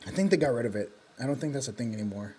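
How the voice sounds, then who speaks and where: A man's voice: medium pitch, lively intonation, very fast, dark tone. A man streaming a game, chatting casually with a friend, joking and laughing a lot. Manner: goofy, jokey, laughs often, bursts into silly voices. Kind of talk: casual gaming chat.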